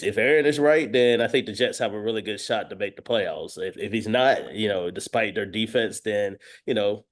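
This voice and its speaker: A man with a fairly low voice appears as a guest sports analyst, giving chatty football commentary peppered with verbal tics such as "you know."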